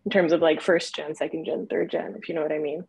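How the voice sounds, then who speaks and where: A woman's voice: sits low, fairly even intonation, quick pace, gravelly, a little mellow, slightly rough, poor audio. A woman from the audience asking a question politely and hesitantly, with many fillers.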